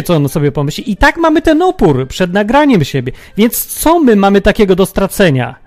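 A man's voice: high voice, darkish tone. A man hosting a reflective religious monologue, musing aloud and asking many rhetorical questions. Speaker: podcast host.

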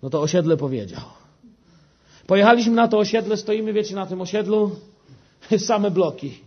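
A man's voice: high-pitched, animated, moderate pace. Man telling an earnest testimony. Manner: earnest storytelling, often turning to the listeners. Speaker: preacher giving a testimony. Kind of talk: personal testimony told to a congregation. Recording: dull lo-fi recording.

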